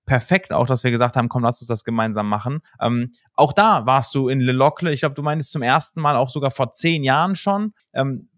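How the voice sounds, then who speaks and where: A man in his thirties hosts an interview over a video call, speaking quickly and eagerly to both his guest and the viewers. His mid-range voice comes through a studio microphone with a dry sound.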